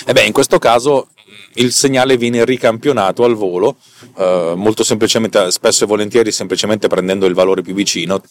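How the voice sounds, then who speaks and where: A slightly tired podcast host explains tech topics in a casual, digressive monologue. His fairly low voice runs a little fast. He stammers slightly, repeating and correcting his words, and checks in with listeners through rhetorical questions.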